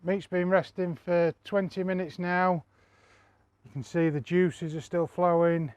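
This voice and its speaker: A man's voice: sits high, a little slow, no room sound. A man hosting a barbecue cooking vlog, talking casually and chatting straight to his viewers. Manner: relaxed, chatty, addresses viewers directly. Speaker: barbecue channel host.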